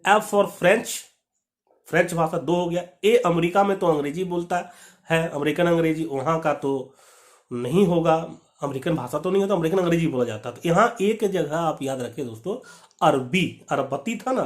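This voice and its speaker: A man's voice: fairly high pitch, normal speed. A young man teaching exam facts through a memory-trick story, acting out the characters' lines and calling his viewers friends.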